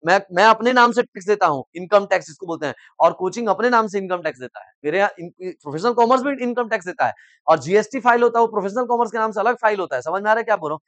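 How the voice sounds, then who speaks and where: A middle-aged male teacher lectures in a coaching classroom with a high voice, talking very fast. He explains in simple terms with everyday examples and keeps prodding students to answer whether they follow. The sound is dry and close. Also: expressive, a bit bright, dry recording. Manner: repeatedly asks "samajh mein aa raha hai?" and prods students to answer.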